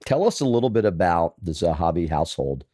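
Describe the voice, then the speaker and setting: A man's voice: low-pitched, big pitch swings, fast, dark tone, no echo, clean studio sound. A man hosting an interview, asking questions and responding in an encouraging, affirming way. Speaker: host. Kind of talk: interview conversation.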